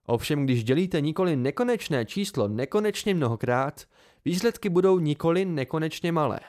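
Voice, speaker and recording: A man's voice: fairly high pitch, expressive, darkish tone, pitched above the performer's own voice, close to an everyday voice. A man voicing a pedantic young male student who reasons step by step.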